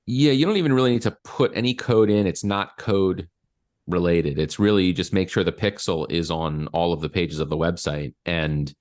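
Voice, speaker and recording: In a screen-share session over video call, a marketing coach in his forties guides a client step by step, using lots of fillers as he explains. His voice is low-pitched and darkish, and he speaks at a normal speed.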